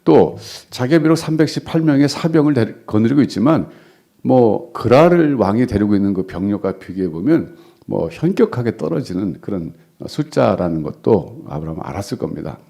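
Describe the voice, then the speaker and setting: A man's voice: lowish voice, big pitch swings, fairly quick, gravelly, dark tone. A middle-aged male pastor preaching a sermon in a conversational way, acting out quoted lines with rising emphasis.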